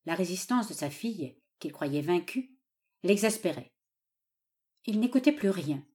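A woman narrates a classic novel for an audiobook. Her delivery is steady and measured. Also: lowish voice.

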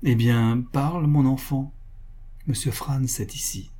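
A man voicing a poised, worldly marquise with a calm, wry manner in a read story. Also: mid-range voice, measured pace, lightly acted. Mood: tender.

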